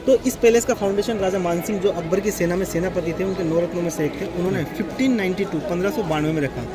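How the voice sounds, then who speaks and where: A quick-talking man leads a guided tour outdoors at an old palace. His voice sits high, and he lectures his visitors in a chatty way, with asides and questions. Faint music plays behind him. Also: a crowd in the background.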